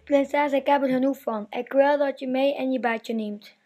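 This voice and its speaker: A woman's voice: a little high, steady tone, moderate pace, close to an everyday voice. A woman voicing a talking frog, a bewitched prince, in a school fairy-tale play. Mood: demanding.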